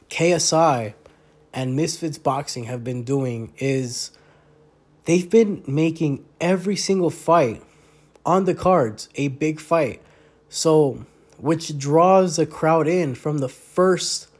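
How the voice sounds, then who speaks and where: A young man with a fairly high, slightly mellow voice hosts a solo podcast while sounding congested. His casual talk rambles loosely, full of fillers and restarts.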